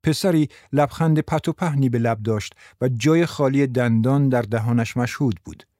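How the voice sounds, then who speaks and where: A man narrating an audiobook in an even, unhurried storytelling manner. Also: mid-range voice, no room sound, studio quality.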